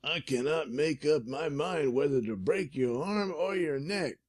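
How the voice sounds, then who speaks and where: A man's voice: a little high, measured pace, a little mellow. A man doing a haughty French-accented crook. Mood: threatening. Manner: theatrical put-on French accent, grand. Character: eccentric foreign master criminal, haughty.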